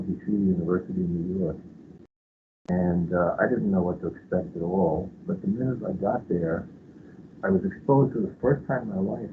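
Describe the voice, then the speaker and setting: An older man gives an informal, autobiographical talk from behind a face mask, which muffles his voice. His pitch sits on the low side. The sound is thin and phone-like, with faint noise underneath. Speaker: guest speaker at a colloquium.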